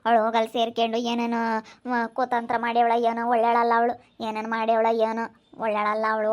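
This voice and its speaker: A woman's voice: a little high, lo-fi sound. An older woman from rural Karnataka, a grandmother speaking in a local Kannada accent, crying and repeating her laments. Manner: lamenting, repetitive.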